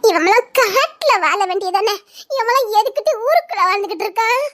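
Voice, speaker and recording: A woman's voice: very high-pitched, lively intonation, fast talker, fairly bright tone. A woman voicing a fretful young village girl in a half-saree, muttering frantic asides and mocking. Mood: mocking rant.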